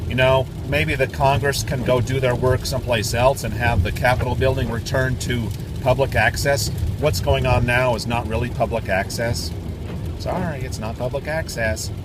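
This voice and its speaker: Mocking and sarcastic, this man, a political commentator, delivers a ranting monologue that repeats words in a singsong lilt. His mid-range voice keeps a steady tone at normal speed, against background noise.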